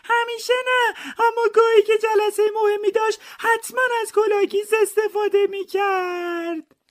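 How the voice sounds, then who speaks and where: A sobbing widow in shrill falsetto. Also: male voice, little pitch movement. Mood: tearful wailing. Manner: tearful wailing, drawn-out words. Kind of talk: comic mystery story reading.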